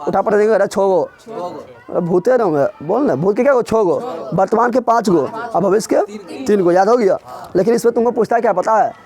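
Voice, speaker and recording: A high-voiced man with a darkish tone drills his class with rapid, repeated questions during a grammar revision lesson in a classroom.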